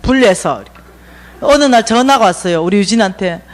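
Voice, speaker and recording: A middle-aged woman with a Gyeongsang accent, telling stories in a church seminar and acting out the dialogue with big jumps in pitch and volume. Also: big pitch swings, normal speed. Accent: Gyeongsang Korean. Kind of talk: lively storytelling lecture. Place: church lecture hall.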